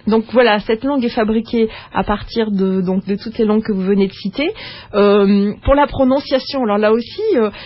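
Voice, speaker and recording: A woman's voice: medium pitch, brisk, no room sound. A woman hosting a radio talk show, asking her guests conversational follow-up questions. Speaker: radio host. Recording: dull lo-fi radio recording.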